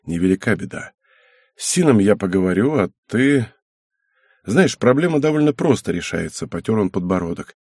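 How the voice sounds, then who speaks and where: A man voicing a patient, tired middle-aged father in an audiobook, speaking slowly with sighs. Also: on the low side, lively intonation, darkish tone, husky, dry recording, clean studio sound. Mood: calm. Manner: slow, sighing, soothing.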